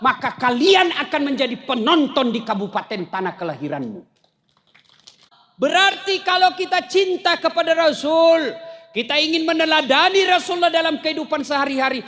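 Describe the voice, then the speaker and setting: A middle-aged man, giving a humorous sermon full of stories and jokes and talking straight to the crowd. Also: extremely high pitch. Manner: storytelling with jokes, lively asides to audience. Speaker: preacher.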